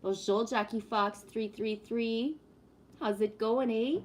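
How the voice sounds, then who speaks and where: A woman in her fifties, hosting a livestream, speaks slowly and steadily in a voice on the high side, with a little hiss or hum in the recording. She greets viewers and chats casually about spiritual matters.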